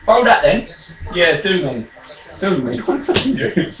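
A British man trash-talking as a raging gamer during an online football game, shouting and taunting his opponent. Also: sits high, sing-song, moderate pace, dull audio. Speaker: video game player. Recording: echoey room, distant mic, faint noise.

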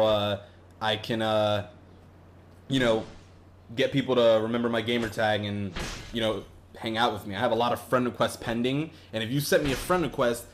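A young gaming YouTuber rambles through casual gameplay commentary in a lowish voice, swearing a lot and frequently restarting his sentences. Background noise is present.

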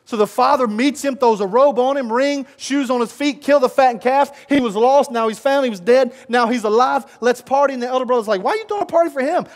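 Male pastor, sermon, high voice, lively delivery, acts out characters, conversational. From United States. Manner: conversational, speaks directly to the congregation.

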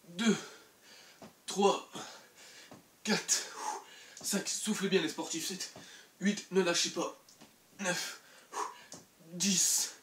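Exercising while he talks, a young adult fitness YouTuber coaches viewers through a leg workout at home in his bedroom, counting reps and cheering them on between breaths. His voice is high-pitched, heard from far off through a camera mic across an echoey room, with slight background noise.

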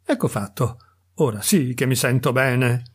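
A man voicing a hearty, boisterous old male country priest who talks loudly and slowly, with a husky voice. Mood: jovial. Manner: loud, jovial and booming, speaking slowly and deliberately.

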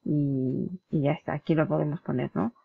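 Woman, vocal fry. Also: sits low, normal speed, no room sound. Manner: chatty, explains step by step, mimics clicks and flips aloud. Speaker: tutorial host. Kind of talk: screen-recorded software tutorial. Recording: dull lo-fi dry recording.

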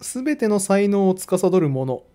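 A man's voice: high-pitched, sing-song, measured pace, mellow. A man doing a joking talking dog statue. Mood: lecturing. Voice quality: mixes Kansai and Tohoku dialect. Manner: bantering, teasing, punchline delivery. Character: jokey talking male dog statue spirit.

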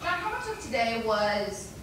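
A woman's voice: fairly high pitch, very animated, normal speed, fairly bright tone, slight background noise. A woman reporter asking questions at a press conference, rambling and restarting as she goes. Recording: echoey, from far off the mic.

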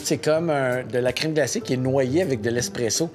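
A man's voice: medium pitch, normal speed, music in the background. A man, a coffee roaster of Italian descent talking casually about coffee. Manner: relaxed, chatty. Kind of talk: casual interview.

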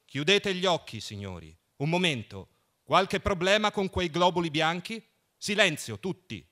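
A man voicing a plump, jovial young man who mocks and mock-preaches in a loud, theatrical way. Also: sits high, animated, normal speed, pitched above the performer's own voice. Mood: boisterous mocking.

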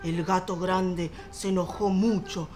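A woman telling a children's story, playful and expressive, acting out sound effects. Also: on the low side, measured pace.

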